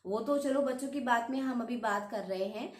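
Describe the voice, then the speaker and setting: A woman teacher giving an explanatory lecture, mixing English terms into her speech and listing phrases in a steady, repetitive cadence. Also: on the high side, normal speed, reverberant.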